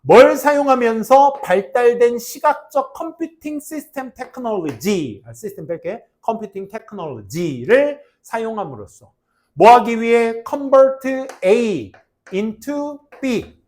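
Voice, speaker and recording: A man teaching an English class to high school students, mixing grammar explanations with jokes and teasing. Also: a little slow. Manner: animated, jokey, teasing students between grammar points. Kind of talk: classroom lecture with banter.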